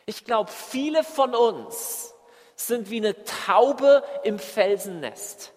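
Lively preacher in a reverberant hall. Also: male voice, high voice. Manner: dynamic, swings between loud emphasis and quiet asides. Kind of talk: sermon.

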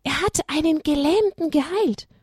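A woman voicing a frightened young male donkey foal who cries and pleads in a high voice. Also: normal speed, a little mellow, no room sound, studio quality, close to an everyday voice. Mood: excited.

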